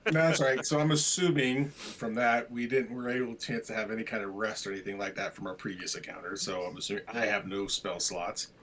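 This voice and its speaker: A man playing a tabletop game, chatting casually and relaxed about his character's actions. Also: on the low side, a little fast, hardly any pauses, slight background noise. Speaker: player.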